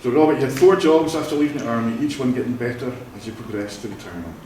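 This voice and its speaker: A man's voice: medium pitch, fast talker, warm tone, slight background noise. A Scottish man leading a vow renewal ceremony, telling family stories in a jovial way and laughing often. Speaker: wedding celebrant. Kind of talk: ceremony speech with anecdotes. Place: church hall. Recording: echoey room, mic at a distance.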